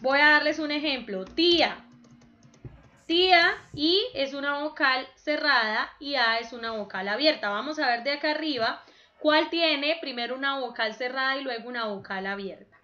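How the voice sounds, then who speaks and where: Woman teacher, high bright voice, slow and patient, dull lo-fi call audio. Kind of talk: online grammar lesson for children.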